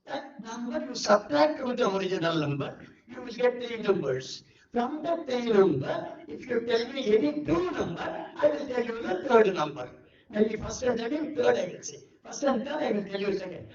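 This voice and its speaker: An older former teacher with an Indian English accent talks through number puzzles in a drilling, repetitive classroom manner. The voice sits mid-range and sounds distant in a roomy, echoing hotel hall. The pickup is dull and lo-fi. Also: medium pitch. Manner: repetitive, drilling, asks "clear?" often. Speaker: former teacher giving a talk. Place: large hotel event hall.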